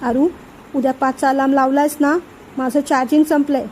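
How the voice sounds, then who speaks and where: एक स्त्री करते गोंधळलेली तरुण नवी सून. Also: female voice, high voice, little pitch movement, brisk, darkish tone, slight background noise, natural voice. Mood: pleading. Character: young clumsy newlywed wife.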